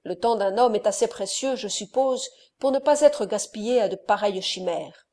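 A woman reading the part of a proud, sardonic nobleman in an audiobook, with clipped, forceful delivery. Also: medium pitch, moderate pace, lightly acted. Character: stern proud male count, sardonic and cold.

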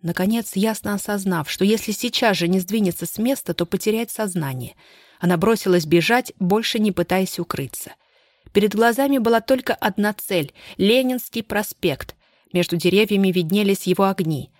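An audiobook narrator reading a thriller in a steady, measured way. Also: mid-range voice, no echo, studio quality. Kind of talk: scripted narration.

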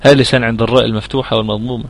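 A man's voice: medium pitch, fairly even intonation, gravelly, poor audio. Patient Egyptian man teaching recitation. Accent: Egyptian Arabic. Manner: patient, repeats points and sounds out letters slowly. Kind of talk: tajweed lesson answering student questions.

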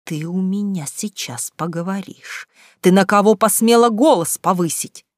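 A woman voicing a furious middle-aged father, a school principal, who shouts and rebukes in a storybook reading. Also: medium pitch, moderate pace, dry recording, studio quality, natural voice. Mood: threatening.

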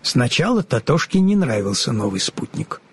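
A man reads a children's fairy tale aloud, lively and expressive, his voice slightly raised and rising and falling freely. The tone is a bit husky. The recording is close and dry. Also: medium pitch, normal speed. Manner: expressive storytelling. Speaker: narrator. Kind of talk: audiobook narration.

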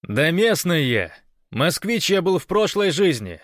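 A man voicing a brash young man who has lost his memory, talking loudly and cheekily. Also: on the low side, animated, moderate pace, no echo, clean studio sound, natural voice. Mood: defiant. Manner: loud, cheeky, defiant. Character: brash young man with amnesia, cocky and joking.

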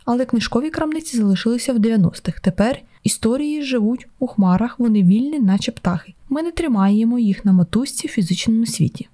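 A woman's voice: a little high, animated, fast, hardly any pauses, mellow, natural voice. A woman voicing a cheeky, mocking young girl. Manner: cheeky, dismissive.

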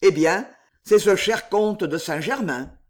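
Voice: medium pitch, slow pace, lightly acted. A reader voicing a scornful count in an audiobook, mocking and then threatening. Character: scornful, menacing male count. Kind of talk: audiobook reading.

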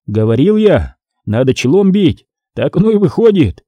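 A man's voice: on the high side, very animated, normal speed, dark tone, dry recording, voice pushed up. A man voicing a bold, bantering medieval cavalry captain.

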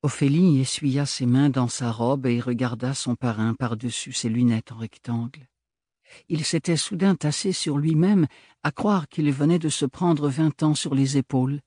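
A man narrating a novel as an audiobook reader, in measured, steady storytelling. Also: medium pitch, no room sound, clean studio sound. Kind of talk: scripted narration.

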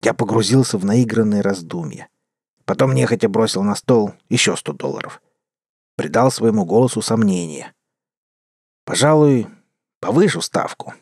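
A man reading a western adventure story aloud in an expressive first-person narration. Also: on the low side, normal speed, breathy edge, no echo, clean studio sound. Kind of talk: audiobook narration.

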